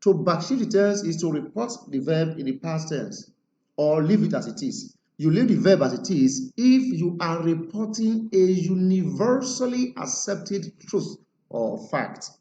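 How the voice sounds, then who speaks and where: A man's voice: fairly high pitch, sing-song, measured pace, dark tone. A man teaching an English grammar lesson, emphatic and quizzing his listeners with rhetorical questions. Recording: roomy lo-fi recording with faint noise.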